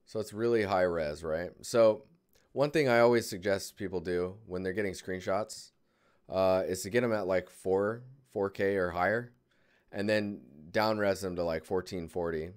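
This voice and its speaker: Deep-voiced man critiquing art casually. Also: moderate pace, clear, resonant tone. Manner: relaxed, rambling, thinking aloud. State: yawning, tired.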